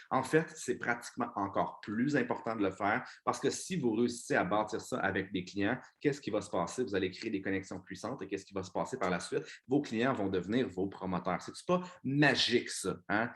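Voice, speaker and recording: A man with a Québécois French accent giving an energetic motivational talk to his business team, casually swearing and mixing in English words. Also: lowish voice.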